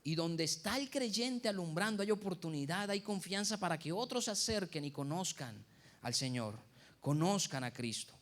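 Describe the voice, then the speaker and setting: A man's voice: high voice, expressive, moderate pace, a bit bright. A middle-aged Colombian man, a pastor giving a Sunday school sermon full of rhetorical questions.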